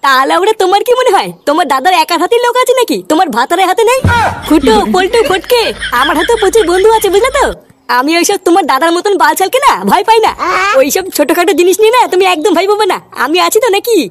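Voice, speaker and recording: Brief: a woman playing a swaggering cartoon young man, high and rapid, crude bragging. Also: lively intonation. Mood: boastful. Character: cocky young man, boastful boyfriend. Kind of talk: comedy cartoon voice acting.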